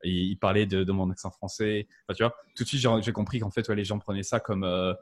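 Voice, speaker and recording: A man's voice: lowish voice, fairly even intonation, fast. A man in his thirties, a podcast guest talking casually with many fillers and restarts. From France. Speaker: podcast guest, marketing strategist. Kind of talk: casual interview chat.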